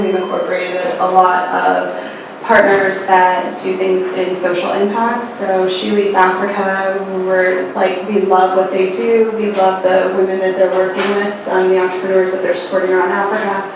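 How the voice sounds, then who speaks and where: A woman panelist speaks conversationally in a fairly flat, even tone, pausing often with fillers. She is heard from afar in a very echoey hall, with clear room noise. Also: medium pitch, distant mic. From United States. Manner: conversational, with many filler pauses. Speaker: panelist and founder. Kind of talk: panel self-introduction. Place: large echoey event room indoors.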